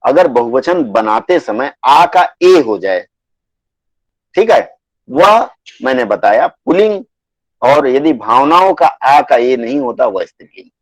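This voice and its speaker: A man teaching a Hindi grammar class online, patiently repeating rules and dictating word lists slowly. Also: mid-range voice, big pitch swings, no room sound, rough recording.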